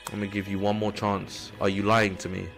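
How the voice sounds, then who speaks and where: A man's voice: on the low side, completely flat delivery, a little fast. Taunting man trash-talking on stream. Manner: taunting, insulting, repeats scornful questions. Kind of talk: live-stream trash talk. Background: game music.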